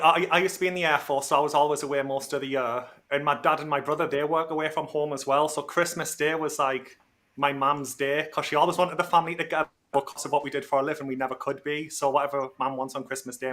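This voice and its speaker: High-pitched man in casual, matey chat. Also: steady tone, a little fast, fairly bright tone. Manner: informal, matey, slangy. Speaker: guest on a livestream. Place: remote video or voice call.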